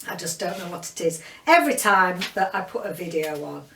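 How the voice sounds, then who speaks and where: Speaking fairly quickly in a lowish, bright-toned voice, this Yorkshire woman is very animated as she chats about what she read this month. Her vlog wrap-up wanders loosely and leans hard on fillers, recorded in a room lined with bookshelves. Expect some roominess, a faraway microphone, and light background hiss.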